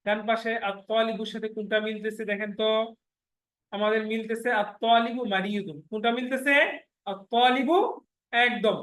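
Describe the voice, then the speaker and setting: High bright-voiced male teacher. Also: fairly even intonation, roomy sound. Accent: Bangladeshi Bengali. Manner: slow drilling of letters and words, checks students often. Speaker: Arabic teacher. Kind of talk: online class lesson.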